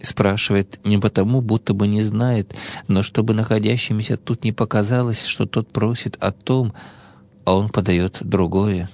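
A man solemnly reading the Gospel and its commentary in a measured, intoning way. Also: lowish voice, fairly even intonation, a little mellow. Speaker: Orthodox reader of scripture and commentary.

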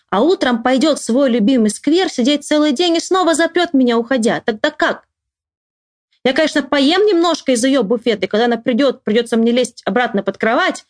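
A woman reading a children's story aloud to a child with lively, expressive storytelling, then asking the child about it. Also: a little high, no echo, studio quality. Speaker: reader and teacher.

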